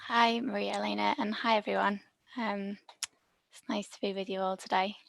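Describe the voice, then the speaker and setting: A woman from the Liverpool area leading a calm, prepared reflection on a video call. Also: medium pitch, moderate pace, gravelly. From Liverpool area, England.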